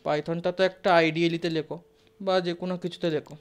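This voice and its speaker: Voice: mid-range voice, flat delivery, a little fast. A teacher giving a live class lecture, talking conversationally, often checking in with listeners, asking the class questions and mixing in English terms. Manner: sprinkles English terms into the talk.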